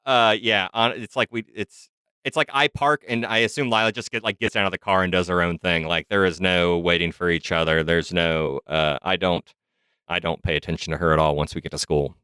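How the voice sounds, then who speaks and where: A man's voice: low voice, fairly even intonation, a little fast, pushed and bright, clear, resonant tone, dry recording, clean studio sound. A man playing a tabletop game, chatty and often correcting himself. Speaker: player.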